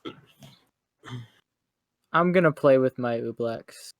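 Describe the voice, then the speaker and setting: Casual player voice, easygoing, middle pitch. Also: slow. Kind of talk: casual chat in a tabletop game.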